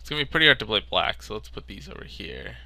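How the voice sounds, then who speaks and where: A man's voice: fairly low pitch, huge pitch swings, quick pace, creaky, sharp tone. A man with a sick, stuffy, nasal voice, thinking aloud in casual card-game commentary. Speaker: video maker.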